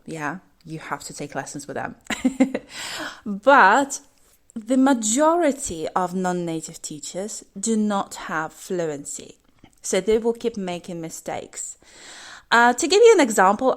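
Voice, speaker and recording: British-sounding woman with a slight Russian twang. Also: mid-range voice. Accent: British English with a slight Russian twang. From Russia, grew up in the UK. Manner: chatty, opinionated, many fillers and restarts. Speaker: English teacher and podcast host. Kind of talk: solo podcast talk.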